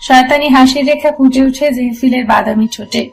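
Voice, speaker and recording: A woman narrating a romance audio story in a steady storytelling manner. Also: sits high, a little fast, creaky, soft background music, low-quality recording.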